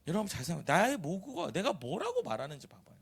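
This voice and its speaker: A man delivers a sermon in a church with real animation, slipping into quoted voices and teasing remarks. His voice sits high for a man and swings widely in pitch. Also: huge pitch swings, quick pace, vocal fry, fairly bright tone, husky. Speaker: pastor. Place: church sanctuary.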